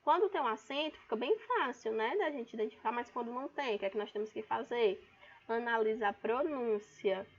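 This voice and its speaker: Brazilian woman teacher, explains step by step and calls out stressed syllables, a bit high-pitched, muffled lo-fi recording. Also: fairly quick. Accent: Brazilian Portuguese. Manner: explanatory, stresses syllables by calling words out loud. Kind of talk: online class lesson. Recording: dull lo-fi recording.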